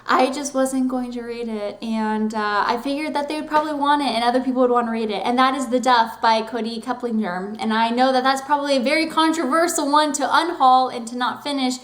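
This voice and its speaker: High-voiced chatty young woman vlogger. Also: fairly even intonation, brisk, hardly any pauses. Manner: chatty and rambling, heavy use of "like". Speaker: book vlogger. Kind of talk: casual chat to camera. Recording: roomy echo.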